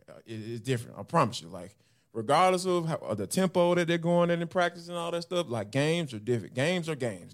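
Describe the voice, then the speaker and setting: Male podcast co-host, slightly high voice, animated slang-filled banter. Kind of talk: casual sports podcast chat.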